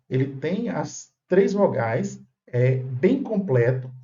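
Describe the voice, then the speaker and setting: Guy doing a manuscript lesson, kinda high mellow voice, muffled lo-fi sound. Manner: didactic, checks in with "tá?" and "né?". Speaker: Bible manuscript lecturer. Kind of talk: explanatory video lesson.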